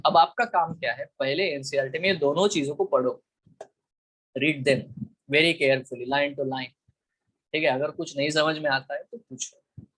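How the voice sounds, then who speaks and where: A man's voice: a little high, measured pace, fairly bright tone, low-quality recording. Indian man teaching biology online. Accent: Indian English. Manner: mixes Hindi and English, calls students beta; asks the class frequent check questions. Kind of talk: online class lecture.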